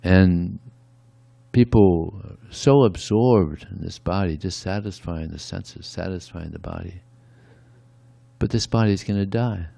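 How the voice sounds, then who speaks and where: A man's voice: deep voice, a little slow, vocal fry, warm tone, dry recording. A man giving a conversational devotional sermon, often adding "yeah" between points. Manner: conversational, frequent "yeah" asides. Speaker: speaker at a temple.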